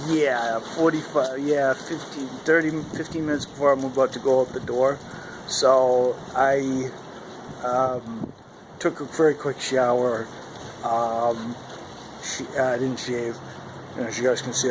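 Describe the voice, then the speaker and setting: Man vlogging outdoors in loud wind noise. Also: mid-range voice. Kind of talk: casual vlog chat to camera. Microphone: handheld camera at arm's length. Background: howling wind noise.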